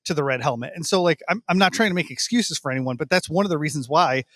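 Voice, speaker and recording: A man's voice: a little high, animated, fast talker, a bit bright, no echo. A man guesting on a sports podcast, explaining his view in casual chat, hedging often with "like.".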